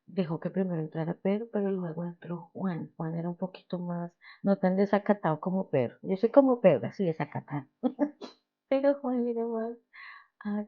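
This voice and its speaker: A middle-aged woman hosts a podcast. She tells her faith testimony and retells Bible stories in a lively way, acting out the quoted voices. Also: medium pitch, no room sound, highs cut off. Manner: lively storyteller who acts out the quoted voices. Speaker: podcast host.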